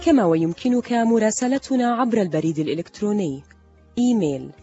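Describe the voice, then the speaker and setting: A woman's voice: mid-range voice, expressive, fast, muffled recording, music in the background. A woman, formally announcing the program's contact address. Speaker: radio announcer.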